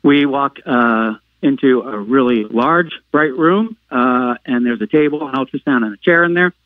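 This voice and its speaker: A man telling a personal story as a podcast guest, pausing on lots of "uh" fillers and jumping loud when he acts out what people said. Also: medium pitch, dry recording. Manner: halting, filler-heavy retelling; acts out quoted lines with sudden loud outbursts. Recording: narrow phone-like line, dry.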